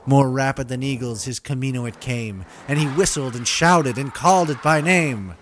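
A man's voice: mid-range voice, moderate pace, noisy background. A man narrating a scripted comic story as host, with theatrical, emphatic delivery.

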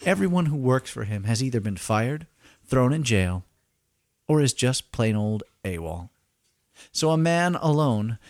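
A man narrating a scripted story as podcast host, in a wry, theatrical, deliberate manner. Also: mid-range voice, dry recording, clean studio sound.

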